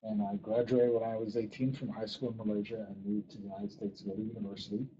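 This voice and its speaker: Born in Ghana and raised in US embassies across Southeast and East Asia, a man appears as an interview guest and author, explaining ideas conversationally and repeating points for emphasis. He talks fast in a lowish, level, warm voice, though the recording sounds muffled.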